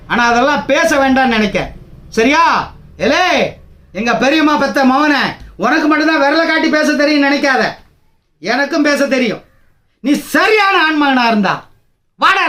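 Fiery high-voiced union leader man. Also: sharp tone. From Tamil Nadu. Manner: combative, taunting, fires rhetorical questions. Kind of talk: angry political speech.

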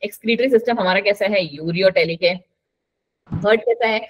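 A woman's voice: medium pitch, a little fast, husky. A woman teaching a live online biology class, chatty and coaxing, mixing English terms into her talk.

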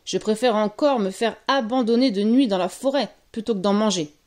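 A woman voicing a small, cheeky young boy in a storybook reading, with a high voice. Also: fairly quick, a little mellow, natural voice.

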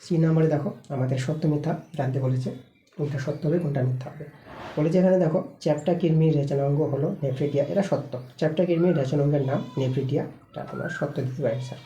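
A man's voice: fairly high pitch, very fast, dark tone, lo-fi sound. A male teacher going through exam answers step by step, pointing students to the textbook. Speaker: school teacher. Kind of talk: exam answer walkthrough lesson. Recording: echoey room, faint noise.

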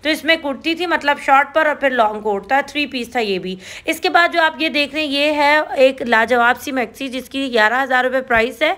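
A woman with a Karachi Urdu accent narrates a market shopping tour, her voice high-pitched and bright. She talks in a chatty, eager way, reeling off prices as she goes. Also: brisk, few pauses. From Pakistan. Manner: chatty, enthusiastic, listing prices. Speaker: shopping vlogger.

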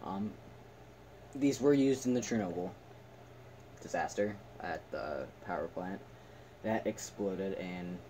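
A young man giving a casual, halting, unscripted product review in short fragments. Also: low-pitched. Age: teens to young adult. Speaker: video reviewer. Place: small attic room indoors. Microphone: camera a few metres away. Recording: distant camera mic, noisy room.

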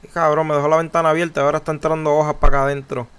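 A young man with a Puerto Rican accent, commentating a horror game live, jumpy, yelling and swearing in quick repeated outbursts. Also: on the high side, little pitch movement, smooth. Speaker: gamer.

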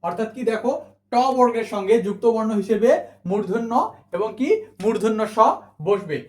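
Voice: mid-range voice, a little fast, mellow. Echoey teacher drilling spelling rules. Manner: repeats rules and asks rhetorical questions; mixes English words into the talk. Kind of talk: admission exam spelling lesson.

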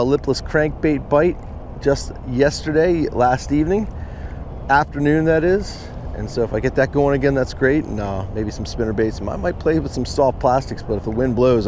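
An American man in his thirties or forties, medium-pitched, vlogs about fishing outdoors beside a pond with background noise around him. He keeps things chatty and informal, calling his viewers "guys."

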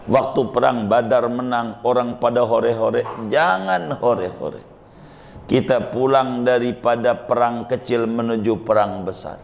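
Male preacher, unhurried and gravelly, faint hiss behind. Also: mid-range voice. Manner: conversational, teasing, rhetorical questions. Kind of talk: sermon. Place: mosque.

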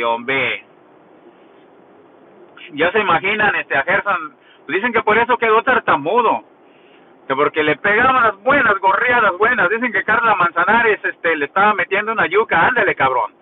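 A man with a Mexican accent, vlogging in a crude, mocking, joking way as he tells gossip. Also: high-pitched. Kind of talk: casual gossip monologue. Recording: tinny phone-like sound with faint noise.

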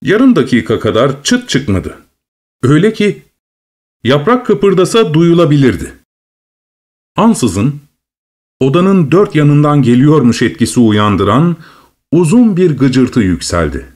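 Slow, expressive male storyteller. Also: fairly high pitch. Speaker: voice actor narrating an audiobook. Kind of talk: scripted audiobook narration.

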